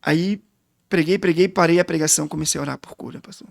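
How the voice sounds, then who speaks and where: A man's voice: a little high, fast, gravelly, no room sound, clean studio sound. A middle-aged man with a Brazilian Portuguese accent, a guest pastor telling an emotional testimony full of quoted dialogue in a casual interview.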